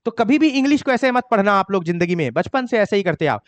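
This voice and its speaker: A man with an Indian accent teaching an exam-prep grammar lesson. He reads English examples slowly and scolds students for their mistakes. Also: animated, long reverb tail. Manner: scolding, mocks students' excuses in a higher voice.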